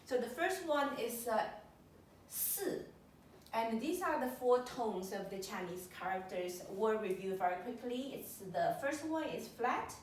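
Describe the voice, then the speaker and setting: Slow patient woman teaching in an echoey room. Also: on the high side, expressive, recorded from a distance, slight background noise. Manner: patient, repeats words for the listener. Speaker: lecture teacher. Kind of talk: slow spoken language lesson.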